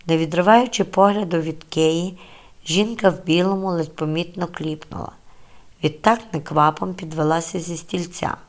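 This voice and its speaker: A woman reads a novel aloud as an audiobook narrator. Her voice sits a bit low, and she tells the story in a calm, measured, steady way. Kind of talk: scripted literary narration.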